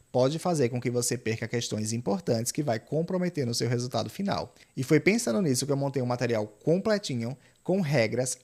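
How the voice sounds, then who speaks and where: Brazilian male exam-prep teacher, mid-pitched, step-by-step, punchy asides. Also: creaky, a little mellow. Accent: Brazilian Portuguese. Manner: explains step by step, often adds "tá?" and "ó"; stresses key points with emphatic, urgent appeals. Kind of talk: online grammar lesson.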